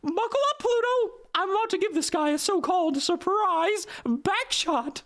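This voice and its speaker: A voice actor putting on a foul-mouthed cartoon mouse with road rage, in a squeaky falsetto, ranting with exasperated sarcasm and drawn-out words. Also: animated, fairly bright tone, full character voice. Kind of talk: cartoon character parody.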